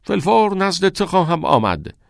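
A man's voice: high-pitched, big pitch swings, creaky, dry recording, clean studio sound, voice pushed up, heavily acted. A man voicing a shy, timid teenage boy who speaks briefly and hesitantly.

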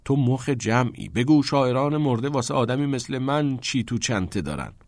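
Brief: man doing brash schoolboy, raised pitch, grandiose and loud. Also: expressive, no echo. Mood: cocky. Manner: boastful, grandiose. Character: bold restless teenage schoolboy Charlie.

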